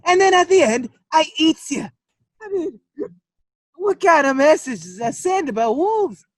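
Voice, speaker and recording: An actor playing a bitter, self-pitying drunk wolf in a comic radio play, slurred and sarcastic. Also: male voice, very high-pitched, very animated, a little slow, no echo, clean studio sound, heavily acted. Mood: indignant.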